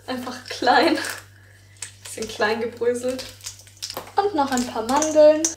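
A young woman chats her way through a cooking vlog in her home kitchen, thinking aloud as she goes. The camera mic picks her up from a little way off, so the kitchen sounds echoey, with a faint noise underneath. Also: a little high. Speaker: cooking vlogger. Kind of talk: casual cooking vlog narration.

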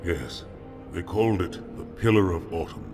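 A man's voice: low-pitched, moderate pace, over music, natural voice. A man playing a proud, dutiful alien fleet commander in a video game, grave and formal. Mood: grave, defensive. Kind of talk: dramatic video game cutscene acting. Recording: game audio with loud background score.

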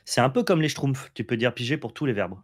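A man's voice: mid-range voice, animated, a little fast. A man co-hosting a card game video, bantering and joking as he comments on the plays. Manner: jokey, banters, apologizes playfully. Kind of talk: casual gameplay chat.

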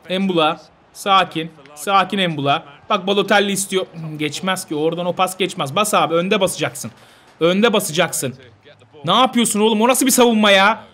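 A young man commentating his own football video game, talking to his players like a coach and shouting when goals go in. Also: sits high. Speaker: gaming video host.

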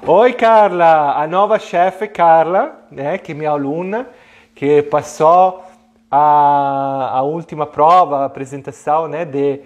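A man's voice: fairly high pitch, slow pace. A man in his thirties with an Italian accent, a native Italian speaker, giving a casual, chatty, hesitant live cooking lesson. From Italy. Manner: chatty and hesitant, mixing Italian greetings into talk. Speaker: online cooking class host. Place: home kitchen, indoors. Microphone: clip-on lapel mic.

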